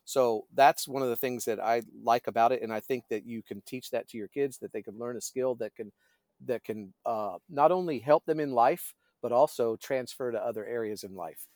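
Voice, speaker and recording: A man's voice: medium pitch, normal speed, darkish tone, no echo, studio quality. A middle-aged man, a pastor and fishing guide, chatting as a podcast guest and often searching for his words. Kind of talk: casual conversational storytelling.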